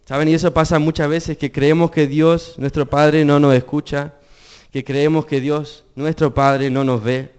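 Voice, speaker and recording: Earnest young man preaching, smooth voice. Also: on the high side, flat delivery, measured pace, darkish tone. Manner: earnest, with rhetorical questions to the congregation. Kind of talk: sermon.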